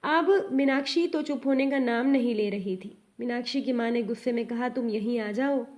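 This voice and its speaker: A woman narrates a devotional story in a measured, gentle reading. Her voice sits fairly high.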